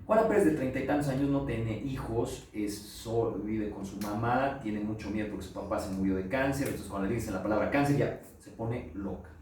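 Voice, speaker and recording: Man, middle-aged, bolivian spanish accent, lecturer, animated storytelling, low voice, echoey room. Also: a little fast, few pauses, a little hiss or hum. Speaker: pathology lecturer. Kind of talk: classroom lecture with anecdotes. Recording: roomy echo, voice from far off.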